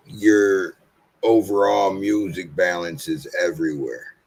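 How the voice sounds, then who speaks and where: A man's voice: deep voice, steady tone, takes it slowly, pushed and bright, husky, poor audio. A man in his late forties hosting a casual interview, laid-back and encouraging, with frequent swearing. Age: 40s. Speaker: podcast host interviewing. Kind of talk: casual chat.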